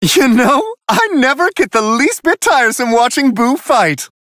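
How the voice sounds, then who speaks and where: A man's voice: extremely high pitch, big pitch swings, measured pace, a bit bright, no echo, clean studio sound, heavily acted. A male actor voicing Whis, a refined, playful otherworldly angel giving courteous, theatrical, wryly amused fight commentary in a video game. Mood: amused, composed. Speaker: match commentator.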